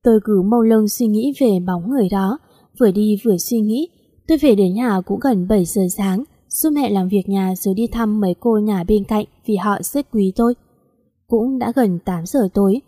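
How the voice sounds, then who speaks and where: A woman's voice: mid-range voice, normal speed, mellow, husky. A woman narrating a story aloud and reading every character's part in one voice. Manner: reads all characters in one voice.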